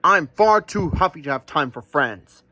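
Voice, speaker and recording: Man voicing a grumpy buffalo, huffing, storybook, bright tone. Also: fairly high pitch, animated, moderate pace, dry recording. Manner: stompy, huffing, rhyming sing-song. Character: grumpy huffy male buffalo, puffed-up fur.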